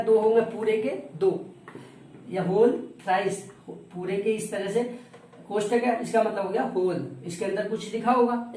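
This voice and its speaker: A man teaching a lesson who repeats each word slowly and spells it out letter by letter. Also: high-pitched, a little mellow. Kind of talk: classroom lesson. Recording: roomy echo, distant from the mic, faint noise.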